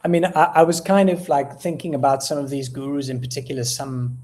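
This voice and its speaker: A South African man speaking as a guest in an interview, thinking aloud about his craft. He talks reflectively and pauses often to search for the right word, with plenty of fillers along the way. His voice sits at an ordinary middle pitch for a man. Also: fairly even intonation, a little mellow. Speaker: guest poet. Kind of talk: casual interview conversation.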